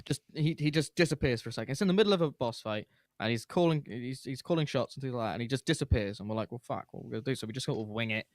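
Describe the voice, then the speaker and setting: Young podcast host, rambling storyteller with an easy, unhurried delivery, recorded dry and close. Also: male voice, medium pitch, no room sound. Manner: rambling, laid-back, frequent fillers. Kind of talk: casual chat, storytelling.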